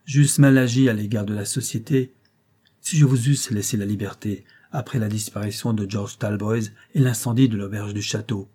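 A man reading an audiobook, voicing a calm, stern young gentleman who speaks in a quiet, measured way. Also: on the low side, husky.

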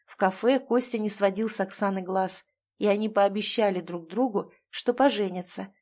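Brief: woman narrator, mid-pitched voice, measured and steady storytelling.

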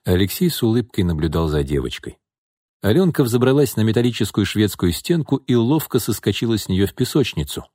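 A man narrating an audiobook in an expressive storytelling manner. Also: on the low side, brisk, dry recording, studio quality. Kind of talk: scripted narration.

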